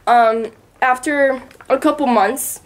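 A woman's voice: sits high, slow. A teenage girl guesting on a casual podcast, telling stories chattily and laughing along the way. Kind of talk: casual storytelling.

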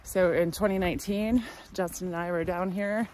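A thirties woman vlogs on a forest trail, phone held at arm's length, chatting in a casual, wry way and a bit breathy from the hike, like the thru-hiker she is. Her voice is on the low side and slightly mellow, with fairly even intonation and normal speed. A faint hiss or hum sits under the recording.

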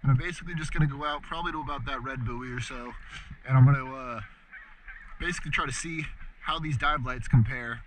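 Speaking fast in a medium-pitched voice, a man in his thirties vlogs cheerfully about treasure-hunting dives at a lake, both on shore and in the water. Crowd noise is audible and the audio quality is poor. An action camera, worn or at arm's length, picks him up outdoors with plenty of background noise.

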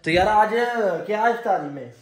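A man's voice: high voice, lively intonation, fairly quick. A man, chatting casually as a family vlogger, teasing and talking straight to his viewers. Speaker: vlogger, husband and father. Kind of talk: casual family vlog chat.

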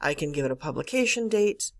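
A college librarian narrates a screen-recorded catalog tutorial, walking viewers through it step by step and stressing key words. She talks fast in a low voice with lively intonation.

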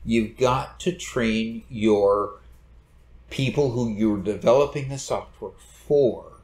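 A middle-aged man giving a recorded lecture over slides from a home study, explaining in a relaxed way at a desk camera. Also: mid-range voice, slow. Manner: relaxed explanatory, gestures with hands. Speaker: instructor. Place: home study with bookshelves, indoors. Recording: roomy echo.

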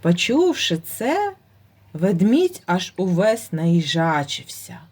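A woman storyteller reading a folk tale for children in an expressive way. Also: on the low side, takes it slowly, husky.

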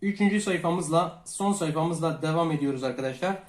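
A man from Turkey teaching a language lesson, calmly repeating each phrase twice and speaking to viewers as friends. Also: on the high side, a little fast, reverberant. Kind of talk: slow Russian lesson for Turkish learners.

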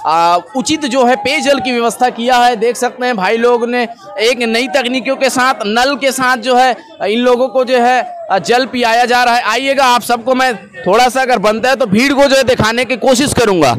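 A man's voice: very high-pitched, moderate pace. A young man vlogging from an outdoor religious gathering, reporting and interviewing people in a chatty, repetitive way. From Chhattisgarh, India. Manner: repetitive, eager, fills with "jo hai". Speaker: roving vlogger interviewing festival crowd. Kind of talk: on-the-spot reporting and crowd interviews. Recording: loud crowd noise behind.

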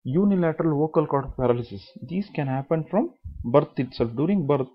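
A man's voice: on the high side, lively intonation, brisk, husky, highs cut off. A man giving a medical lecture, explaining step by step, repeating key terms and asking then answering his own questions.

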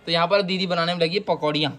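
A man's voice: on the high side, fairly even intonation, very fast, a bit bright. A young man casually vlogging with his family, teasing and chatty as he talks to his viewers. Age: young adult.

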